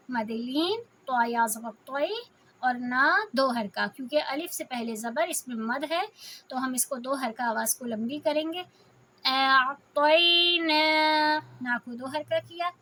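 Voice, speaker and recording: A woman teaching a Quran reading lesson, explaining each rule patiently and slowly drawing out syllables to demonstrate them. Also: sits high, slight background noise. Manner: patient step-by-step explaining, slowly stretching out sounds as examples.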